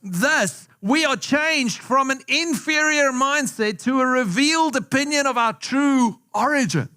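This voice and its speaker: A South African pastor with a partly Americanized accent speaks in an extremely high voice that is sharp, clear and resonant, in no hurry. Preaching conversationally to a live congregation in a church hall, he asks them questions and repeats phrases for emphasis.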